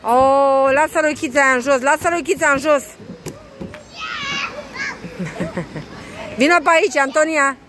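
A woman's voice: high-pitched, fairly even intonation, hardly any pauses, fairly bright tone, a little hiss or hum. A young mother at an outdoor playground, coaxing and cheering on her children, switching between two languages.

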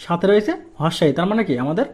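A man's voice: high-pitched, animated, racing, darkish tone. A man teaching a language lesson, explaining each rule step by step and asking rhetorical questions before answering them. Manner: patient, asks rhetorical questions, repeats rules.

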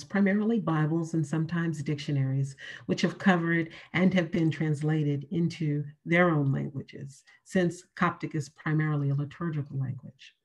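Husky-voiced woman giving a measured keynote. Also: low voice, a little mellow. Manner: measured, emphatic repetition of key phrases. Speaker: keynote speaker. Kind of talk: prepared keynote lecture. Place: home room by a window. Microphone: webcam on a video call.

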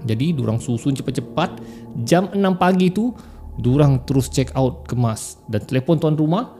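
A man tells horror stories in a relaxed, conversational way and often turns to his listeners. His voice is mellow and dark. Faint music plays underneath. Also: medium pitch, moderate pace. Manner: chatty, addresses listeners as guys. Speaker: horror story podcaster. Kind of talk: casual horror storytelling.

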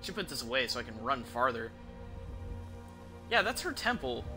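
Streaming a game from a small indoor room at home, a man offers crude, offhand live commentary. His medium-pitched voice is very animated and moves at a moderate pace, with game music and sounds in the background.

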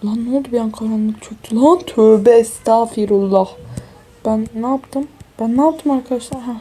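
This gaming YouTuber's voice sits on the high side, mellow and slightly rough, at a normal speed. A tired young woman, she chats casually through a life-sim game, exclaiming and treating her viewers as friends in walkthrough commentary.

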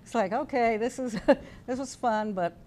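In a TV studio interview, a sixty-something American-accented woman from California reminisces casually, sometimes hesitating, from a desk while wearing a lapel mic. Her voice is fairly high and a little mellow, at a moderate pace.

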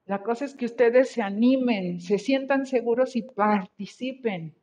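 A woman teaching an online English class, switching between Spanish and a Mexican-accented English, encouraging her students and slowly repeating their answers. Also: a little high, warm tone, slight background noise. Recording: dull lo-fi video call audio.

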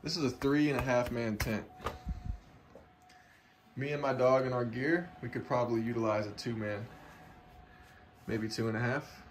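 A man's voice: medium pitch, normal speed, long pauses, a little hiss or hum. Chatty young man vlogging at home. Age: young adult. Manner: relaxed, chatty, talks to the camera and his dog. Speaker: outdoor gear vlogger. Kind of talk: casual vlog walkthrough. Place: home basement room, indoors. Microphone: phone camera held close.

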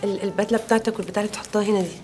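A woman acting out a coy, teasing young nurse with an Egyptian Arabic accent. She talks very fast, and faint music plays behind her. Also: medium pitch, steady tone, darkish tone, lightly acted.

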